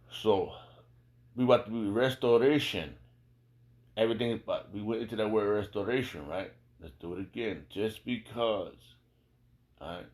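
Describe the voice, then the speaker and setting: An American religious teacher explains scripture informally, speaking colloquially and emphatically, repeating phrases and throwing out rhetorical questions to check in. His voice is fairly low and a little mellow.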